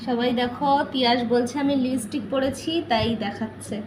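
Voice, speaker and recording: A woman's voice: a little high, fairly even intonation, brisk, background noise. A woman filming her toddler at home, teasing and coaxing the child in a sing-song way. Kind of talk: casual home video talk to a small child. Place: room in a home. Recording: echoey room at home.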